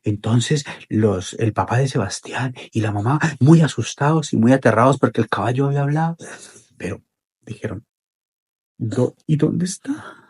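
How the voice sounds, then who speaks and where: A man telling a children's story in an expressive, repetitive way with dramatic pauses. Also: medium pitch, slightly rough.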